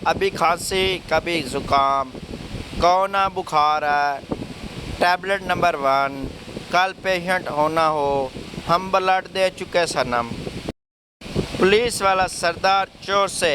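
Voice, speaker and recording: A man reading a string of short jokes aloud, naming each speaker before their line in a flat delivery. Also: high-pitched, noisy background. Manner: flat joke-telling with dialogue tags. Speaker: joke reader.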